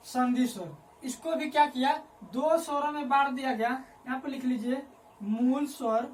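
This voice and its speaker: A woman's voice: sits high, a little mellow, a little hiss or hum. A woman teacher giving a dictation lesson, repeating each phrase so students can write it down, then asking the class questions and answering them herself. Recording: voice picked up from a distance.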